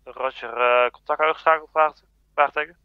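A man with a fairly high voice reports to his squad in radio procedure during a game. His delivery is halting as he checks positions and status. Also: fairly even intonation, smooth, no room sound, narrow, tinny audio. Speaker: squad player reporting over team comms. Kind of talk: tactical radio-style reporting in gameplay.

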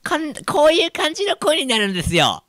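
A man with a high, squeaky helium voice, giving an excited demonstration to camera as a video creator. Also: fast, soft background music. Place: small room at a desk.

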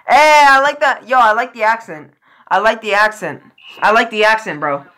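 A woman hosting a casual reaction video, excitable and slangy with plenty of swearing. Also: fairly high pitch, moderate pace. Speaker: reaction channel host.

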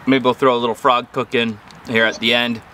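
A man's voice: mid-range voice, level tone, a little fast, pushed and bright, slight background noise. An upbeat man hosting a casual family vlog outdoors on a lakeside dock. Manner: upbeat, enthusiastic. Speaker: vlog host.

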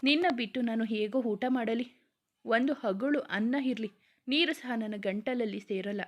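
A woman's voice: fairly high pitch, normal speed, close to an everyday voice. A woman voicing a loving mother who soothes and pleads with her grieving son in a storybook reading. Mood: pleading. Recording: dull lo-fi recording.

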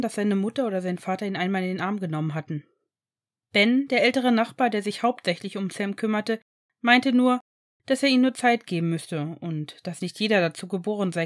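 A woman reading a novel aloud in steady, scripted storytelling narration. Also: medium pitch. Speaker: audiobook narrator.

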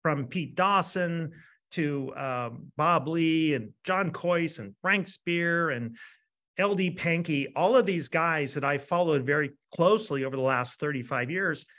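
A man in his fifties, a dentist lecturing in an energetic webinar and often asking the audience a rhetorical "right?". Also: a little high, measured pace.

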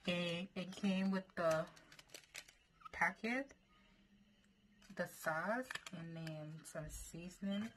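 A woman's voice: fairly low pitch, slow, pauses often. A young woman chatting casually to her viewers in a food-challenge vlog, calling them y'all. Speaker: vlogger. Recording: noisy home recording.

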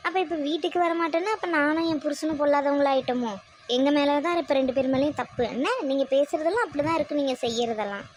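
A woman voicing an impatient young daughter-in-law in a family cartoon, sharp and argumentative. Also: high voice, fast talker, a little hiss or hum, close to an everyday voice. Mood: arguing.

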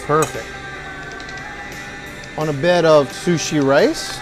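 A chef in his forties from Hawaii gives a cooking demonstration in a restaurant kitchen, upbeat and hyping the food to his viewers. His voice is fairly high with fairly even intonation, and he speaks slowly over background music.

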